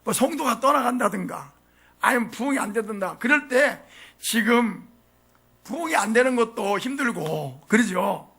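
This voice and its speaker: A man preaching a sermon as pastor, animated and often asking the congregation questions. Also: very high-pitched, moderate pace, creaky, husky. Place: church sanctuary.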